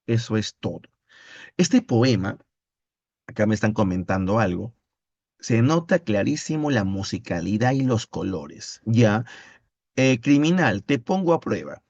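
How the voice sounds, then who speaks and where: Slow-talking male literature teacher. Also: lowish voice, animated, creaky, a little mellow, no room sound. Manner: reads poem slowly, then playful questioning. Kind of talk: online literature class with chat. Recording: dull lo-fi audio.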